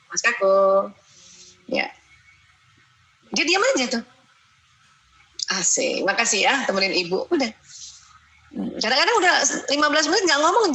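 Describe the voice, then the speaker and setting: Bright-voiced woman giving a parenting talk. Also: mid-range voice, low-quality recording. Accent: Indonesian. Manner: chatty, acts out mothers' voices, frequent "ya" checks. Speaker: Islamic parenting lecturer. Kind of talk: religious parenting lecture.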